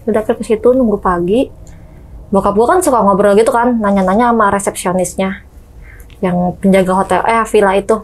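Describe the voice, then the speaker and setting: A woman's voice: mid-range voice, brisk, poor audio. A young woman, casually telling a true ghost story as a guest, acting out knocks and voices. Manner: lively, acts out knocks and voices.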